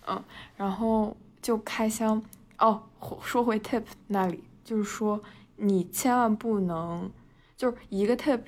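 A Chinese woman, chatting as a podcast co-host, laughing often, padding her talk with fillers and mixing in English words. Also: medium pitch. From China. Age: 20s. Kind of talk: casual storytelling chat.

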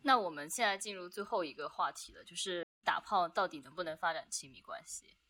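A woman's voice: fairly low pitch, a little fast, pushed and bright, dry recording. A woman hosting a podcast in casual chat, reacting briefly and moving the talk to the next topic. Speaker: podcast host.

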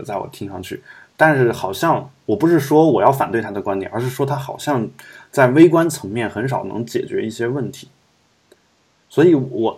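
A man hosting a casual podcast chat, thinking out loud at length. His voice sits low and has a husky, breathy edge. He pauses often on fillers and circles back to restate his point. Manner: rambling, reflective, many fillers and restarts. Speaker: podcast host.

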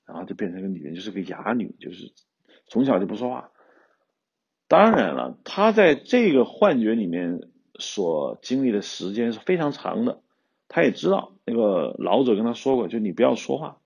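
A man tells an old tale on his podcast in a casual, rambling way, often restarting his sentences. His low, gravelly voice rises and falls a lot as he goes. The recording sounds dull and lo-fi. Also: big pitch swings, normal speed, darkish tone. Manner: retells a tale in loose spoken style with frequent restarts. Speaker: podcast host, screenwriter-director. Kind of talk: casual storytelling commentary.

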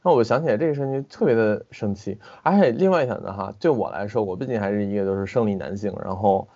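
A man's voice: lowish voice, fast talker, lo-fi sound. A man, a film director being interviewed, talking casually and animatedly over an internet call, often restarting his sentences. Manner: animated, with frequent restarts and hesitations. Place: at home in the city.

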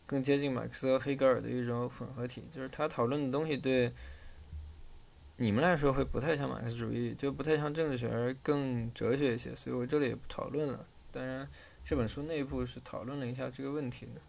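A man's voice: mid-range voice, steady tone, fast talker, creaky, darkish tone. A man hosting a reading class, giving a casual spoken lecture with loose, conversational explaining while his throat is sore.

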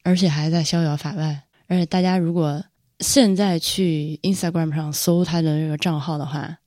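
A woman's voice: deep voice, steady tone, normal speed, mellow, dry recording, clean studio sound. A woman co-hosting a podcast, chatting casually and opinionated, laughing easily. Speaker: podcast co-host. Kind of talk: casual chat.

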